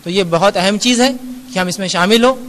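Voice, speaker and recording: An Islamic lecturer answers audience questions in an earnest, admonishing Q&A talk, using everyday examples to explain his points. His voice is high-pitched and a bit bright, and he's in a large hall.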